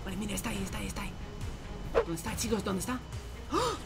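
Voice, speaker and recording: A young man from Spain with a Spanish accent, doing excited gameplay commentary, going from hushed whispers to shouts and repeating himself rapidly. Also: high-pitched. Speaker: gaming YouTuber. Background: music.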